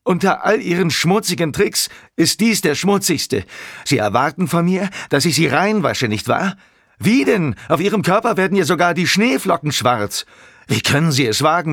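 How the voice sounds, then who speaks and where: A man voicing a terrified middle-aged male writer who stammers and then shouts back in high, strained defiance. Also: big pitch swings, normal speed, no room sound, studio quality, full character voice. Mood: defiant.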